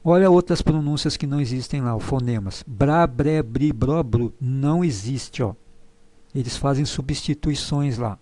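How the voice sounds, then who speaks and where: A man teaching pronunciation in a slow, patient way, spelling out syllables one by one and checking in with his listeners. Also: mid-range voice, dark tone, dry recording. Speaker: language teacher. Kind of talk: explanatory lesson on pronunciation.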